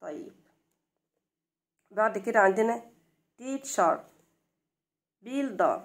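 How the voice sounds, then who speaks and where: A young woman with an Egyptian Arabic accent teaching a primary-school English lesson. She reads English slowly, translates it and keeps asking questions. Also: on the high side, animated.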